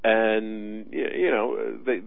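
A man giving halting, sardonic political commentary in a conversational style over the phone. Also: lowish voice, steady tone, gravelly, no echo. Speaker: political talk radio commentator. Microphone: phone line. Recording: tinny phone-line sound.

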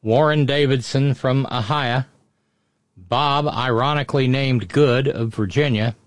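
A man's voice: medium pitch, unhurried, no room sound. Sardonic man commentating, dry close sound. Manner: sardonic, mocking. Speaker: host of political commentary show. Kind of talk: casual live political commentary.

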